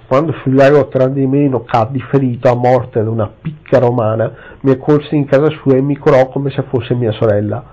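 Male reader playing a proud warrior of ancient Carthage: raised, forceful, scornful voice, warm low tone, lo-fi. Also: fairly even intonation, normal speed, hardly any pauses, lightly acted. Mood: defiant. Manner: disdainful, commanding shouts. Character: fierce proud Carthaginian warrior, tall, defiant. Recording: slightly dull lo-fi recording.

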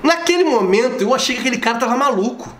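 In this casual opinion vlog, a Brazilian man in his forties with a Rio de Janeiro accent talks fast in a very high voice, full of slang and animation, performing the voices of the people he quotes. He's at home in his living room, filmed by a nearby camera, with a roomy echo and slight background noise.

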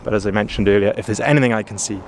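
Talking very fast in a fairly low voice over background noise, a Welsh van sales manager shows off a camper van inside and out on the dealer's lot, phone camera in hand. He's chatty and repeats "as I say" often.

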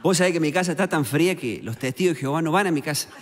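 A stand-up comedian from Córdoba speaks with a Cordobés accent, tossing off jokes with constant little conversational tags. His fairly high voice swings widely in pitch. The recording carries a long, reverberant tail and a faint background noise. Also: expressive, racing. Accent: Cordobés Argentine Spanish. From Córdoba, Argentina. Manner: chatty joke-telling, peppered with "viste" and "eh" tags.

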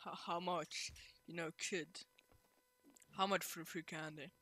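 Excitable trash-talking gamer, slow bright voice. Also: mid-range voice, slight background noise. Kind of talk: casual gameplay commentary.

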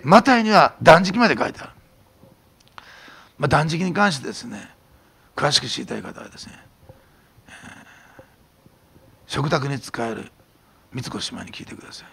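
A middle-aged man preaching a sermon as pastor, swinging from hushed whispers to loud emphatic declarations. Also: medium pitch, creaky, breathy edge. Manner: animated preaching, drops to a hushed whisper for emphasis, then shouts.

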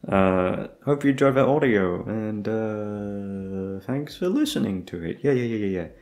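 In this unscripted, casual chat, a young male audio roleplay creator rambles and hesitates as he addresses listeners, dropping a few swear words. The voice is lowish, slightly mellow, animated, and a touch slow.

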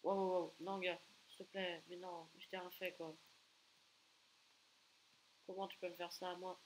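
A man giving excitable live gameplay commentary, taunting opponents and bursting into repeated exclamations. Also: high voice, moderate pace, a little hiss or hum, rough recording. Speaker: gaming video creator.

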